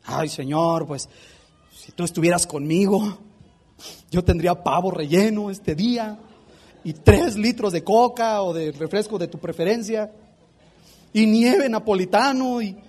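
A grumbling believer complaining to God, as a preacher puts him on. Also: male voice, high voice, measured pace, a little mellow, breathy edge, pitched below the performer's own voice. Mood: whiny. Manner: whiny, complaining.

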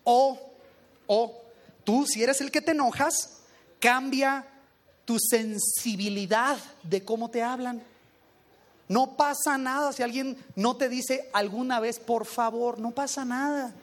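Conversational preacher. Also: medium pitch. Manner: conversational, asks the congregation questions; pauses to reread lines for emphasis. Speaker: pastor. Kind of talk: sermon.

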